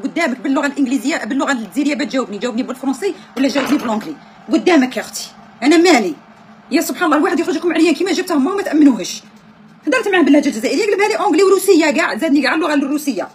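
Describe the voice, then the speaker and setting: An Algerian woman streams live to her viewers, her high voice racing along at breakneck speed. She chats casually, joking and griping by turns, with a faint noise underneath. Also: animated, very fast. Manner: chatty, exasperated and joking with viewers.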